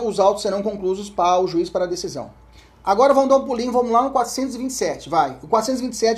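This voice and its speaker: This is a man with a Brazilian Portuguese accent and a slightly mellow voice, teaching law for an exam. He reads out statutes, goes back over key points, and checks in with his audience, often trailing off into a murmur.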